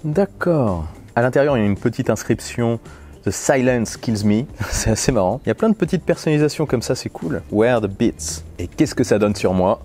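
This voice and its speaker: A man's voice: mid-range voice, animated, fairly quick, dark tone, slight background noise. French man unboxing outdoors on a lapel mic. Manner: chatty and playful, musing aloud. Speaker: tech vlogger. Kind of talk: casual unboxing vlog. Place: outdoors next to a noisy road.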